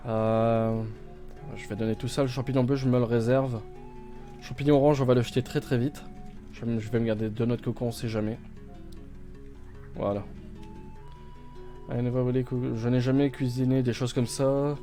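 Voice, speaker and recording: Mellow-voiced man streaming a game. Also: medium pitch, level tone, normal speed, long pauses, faint music behind. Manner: thinks aloud, hesitant, many fillers and restarts; reads game text aloud and translates it. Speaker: gaming streamer. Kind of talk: casual let's-play commentary.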